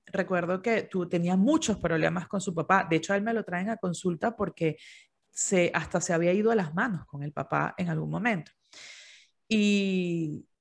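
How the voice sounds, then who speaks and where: Male psychologist, gravelly voice, explains client cases in easy conversation. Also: sits high. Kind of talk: casual conversation.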